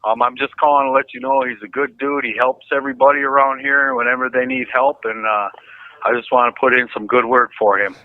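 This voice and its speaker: A man's voice: medium pitch, steady tone, no echo. Man on a tinny prison phone line. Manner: bitter, profane, slow and emphatic. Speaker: inmate calling the show.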